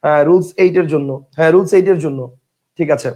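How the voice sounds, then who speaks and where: A man's voice: a little high, fairly even intonation, fast talker, mellow. A man teaching an online grammar class, repeating key phrases, quizzing students and reading out viewer comments.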